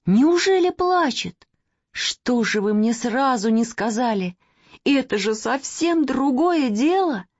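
A woman's voice: mid-range voice, expressive, normal speed, husky, no room sound. A woman voicing a lovesick young man who asks anxious, eager questions. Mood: excited. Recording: dry, slightly dull recording.

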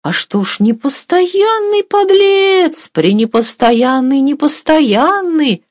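A woman voicing a rough, sharp-tongued peasant cook who scolds in loud, drawn-out exclamations. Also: high voice, big pitch swings, no echo, clean studio sound, pitched above the performer's own voice, exaggerated voice. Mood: scolding.

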